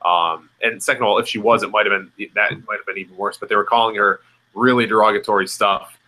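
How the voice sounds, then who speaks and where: A young man co-hosting a podcast, speaking conversationally with hesitant pauses. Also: fairly low pitch, fairly even intonation, pushed and bright, low-quality recording. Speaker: podcast co-host. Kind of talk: casual chat.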